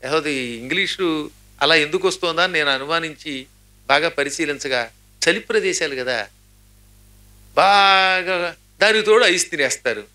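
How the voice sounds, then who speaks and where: A middle-aged religious speaker gives a spiritual discourse, chanting verses before explaining them and adding humorous asides that imitate how words get pronounced. His voice is on the high side, bright and forceful.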